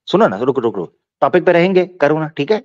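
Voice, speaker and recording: A man hosting a heated online debate, his voice rising and dropping sharply as he presses and mocks his opponents. He speaks a bit high for a man, comes through a muffled, lo-fi call line, and keeps cutting in over the others. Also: sing-song, fast talker, darkish tone. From Pakistan. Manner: combative, mocking, talks over others. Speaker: debate host. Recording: lo-fi call audio.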